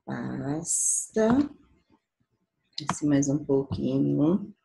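A Brazilian woman teaching a primary school class, patiently sounding out syllables slowly for young children. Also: low-pitched, animated, gravelly, warm tone, a little hiss or hum, poor audio. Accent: Brazilian Portuguese. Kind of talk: slow, patient remote class lesson.

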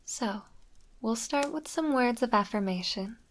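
A woman voicing a gentle witch matchmaker in an ASMR roleplay, speaking in a calm, soothing whisper. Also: a little high, a little slow, slight background noise.

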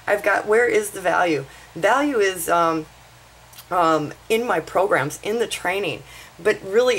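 Woman, lower voice, talks fast and excited, kinda breathless, keeps saying right, little hiss behind. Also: poor audio. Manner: excited, rambling, repeats "right?". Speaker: online marketing vlogger. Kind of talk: casual talk to camera. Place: at home, with a whiteboard behind her.

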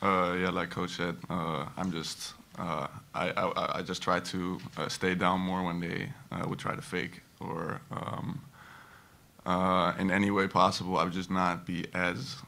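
A young college basketball player answers reporters at a press table in a low, flat voice. His tone is gravelly yet bright, and he stops and restarts often, full of fillers. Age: young adult. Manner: halting, many fillers and restarts. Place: press conference room. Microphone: table microphone.

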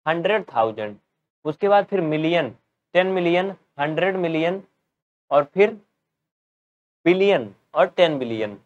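A North Indian teacher with a high-pitched voice works through a maths lesson step by step at a board. He poses questions to his students and then answers them himself, and the audio sounds dull.

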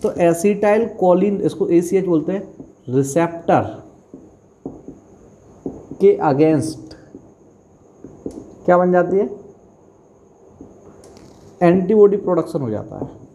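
Higher-voiced male biology teacher. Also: lively intonation, takes it slowly, pauses often, dark tone, slight background noise. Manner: asks questions and answers them himself, repeats key terms. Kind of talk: exam-prep lecture.

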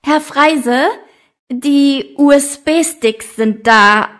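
A woman's voice: high voice, extremely slow, fairly bright tone, exaggerated voice. A woman playing a dutiful, deferential office assistant in a scripted lesson dialogue.

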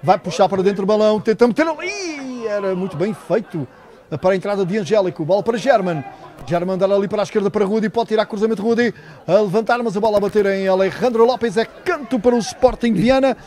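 A man with a European Portuguese accent giving fast, dramatic, excited football commentary. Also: high-pitched. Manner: excited, drawn-out goal calls. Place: outdoors beside a football pitch. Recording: outdoor stadium crowd behind.

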